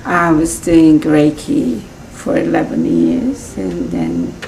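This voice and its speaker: Serbian-accented woman guest, low gravelly voice, chatty storyteller who laughs often. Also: wildly swooping pitch, takes it slowly, a little mellow, a little hiss or hum, poor audio. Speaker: interview guest, healer. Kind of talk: casual interview chat.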